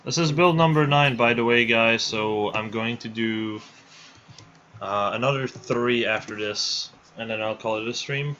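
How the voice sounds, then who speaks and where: Speaking unhurriedly at medium pitch, a bright-voiced man chats casually while hosting a live build showcase on his headset. He rambles and often starts over. The lo-fi audio is dull, with slight background noise.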